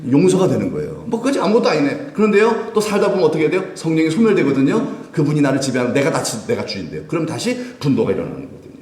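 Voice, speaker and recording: Speaking rapid-fire with few pauses, a male pastor with a fairly high voice preaches a lively Sunday sermon in a reverberant church sanctuary. He keeps asking the congregation questions and supplying the answers himself.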